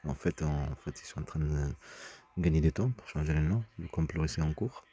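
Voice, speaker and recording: A man's voice: rumbling low, moderate pace, warm tone, slightly rough. A man talking in a rambling personal monologue, agitated and often stumbling over and repeating his words. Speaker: vlogger.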